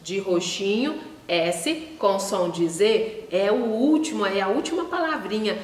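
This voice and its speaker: A woman with a Brazilian Portuguese accent teaching young children, pronouncing words slowly and clearly and encouraging them with gentle prompts. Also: mid-range voice, expressive. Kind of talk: recorded online lesson for young children. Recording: echoey room, distant from mic.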